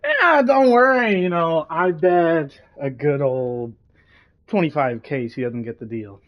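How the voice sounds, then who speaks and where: A man's voice: fairly high pitch, lively intonation, a little slow, pitched above the performer's own voice. [name], a man doing a drawling alien gambler. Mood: cocky. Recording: dull lo-fi recording.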